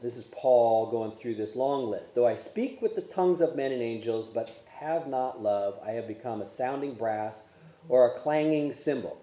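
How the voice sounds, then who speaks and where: A Polish-native man with a dark-toned, medium-pitched voice teaches Sunday school Bible class at normal speed with lively intonation. He's conversational, regularly asking the class questions, and the church classroom echoes.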